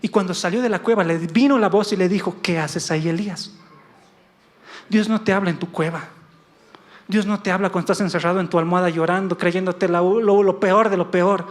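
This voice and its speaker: High-voiced preacher, impassioned sermon. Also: male voice, steady tone, brisk. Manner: impassioned, calls out to congregation, acts out God's voice.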